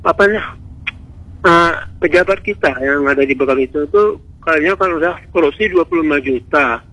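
A man's voice: on the high side, brisk, pushed and bright. A man from Indonesia calling in to a radio show by phone. He talks in an outspoken, rambling way and often breaks off and restarts. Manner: outspoken, rambling, self-interrupting. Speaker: radio caller. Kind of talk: call-in opinion on a radio show. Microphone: telephone. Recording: phone line into radio broadcast.

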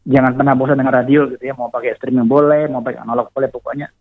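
A man's voice: mid-range voice, flat delivery, racing. A man in his forties, a radio listener, chatting as a guest in a phone interview, rambling with many fillers. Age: 40s. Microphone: phone call. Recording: tinny phone line.

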